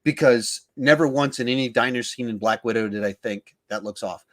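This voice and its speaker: On a casual film podcast, the host explains his points conversationally in a brisk, medium-pitched voice.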